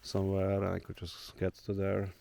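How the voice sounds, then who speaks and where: Low-voiced Slovenian man hiking outdoors. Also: normal speed, vocal fry. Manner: relaxed, thinking aloud while hiking. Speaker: solo traveler vlogger. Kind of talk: casual walking vlog. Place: forest outdoors. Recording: noisy outdoor nature ambience.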